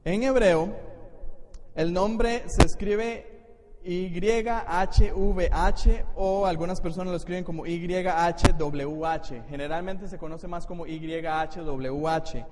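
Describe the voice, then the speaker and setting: Costa rican pastor teaching bible study, a bit high voice, echoey church hall w faint hiss. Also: male voice, slow. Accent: Costa Rican Spanish. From Costa Rica. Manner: explanatory, checks in with the congregation.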